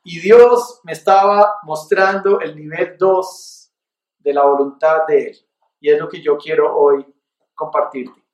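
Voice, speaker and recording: High-voiced male pastor in an echoey room. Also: fairly even intonation, far from the mic. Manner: earnest, reflective storytelling, slow emphatic phrasing when teaching. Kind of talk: sermon, personal testimony then teaching.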